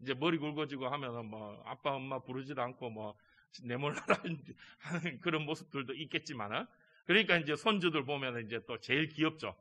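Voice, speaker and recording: A man's voice: medium pitch, brisk, sharp tone. A male pastor preaching a sermon, emphatic and full of rhetorical questions to the congregation.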